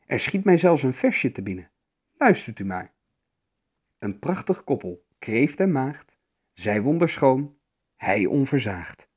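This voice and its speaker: A man's voice: medium pitch, very animated, unhurried, long pauses, darkish tone, husky. A man doing a fretful wise old troll. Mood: kindly. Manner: friendly, fretting with moans.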